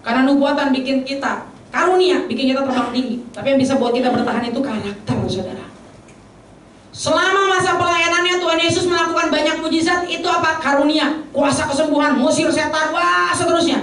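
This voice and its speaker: A woman preacher giving a lively sermon to a congregation, slipping into English phrases and short bursts of song. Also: high voice, fairly quick, a little hiss or hum. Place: church hall. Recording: very echoey hall from a distance.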